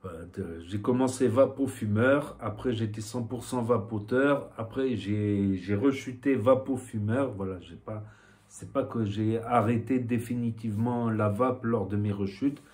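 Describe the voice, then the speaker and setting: He's a YouTuber from southwest France whose fairly low, slightly mellow voice runs a little slow. Chatting casually to the camera in his vlog with a southwestern French accent, he rambles with many fillers and keeps repeating "voilà".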